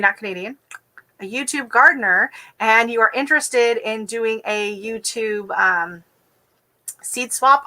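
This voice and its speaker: With a slightly high, sharp-toned voice, a gardening channel host from Texas rambles through her live stream. She keeps things casual and uses plenty of fillers.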